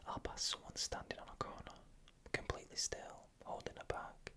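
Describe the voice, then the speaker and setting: Whispered ASMR horror storyteller, hushed and breathy. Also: moderate pace. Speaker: narrator. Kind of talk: whispered ASMR narration of scary first-person stories.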